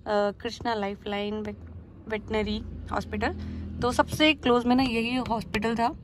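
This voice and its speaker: A woman's voice: on the high side, little pitch movement, a little slow, noisy background. Young woman vlogging from a car. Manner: chatty, mixes English words into speech. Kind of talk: casual vlog narration. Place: inside a parked car by day. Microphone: phone held at arm's length.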